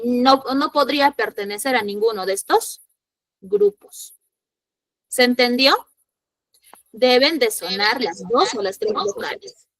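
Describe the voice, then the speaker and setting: Woman teacher, high and bright voice, patient, repeats herself, keeps checking the class understands. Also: no echo, low-quality recording. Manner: patient, repeats points and asks rhetorical check questions; voices imagined student objections. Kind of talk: classroom grammar lesson.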